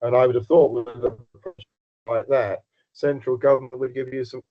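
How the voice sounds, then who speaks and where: A man's voice: mid-range voice, fairly even intonation, no room sound. Man on a video call that keeps breaking up. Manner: hesitant, halting, with restarts. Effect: connection breaking up on a video call. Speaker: webinar attendee asking questions. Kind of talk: online meeting question. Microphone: computer mic on a video call. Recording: dull, lo-fi call audio.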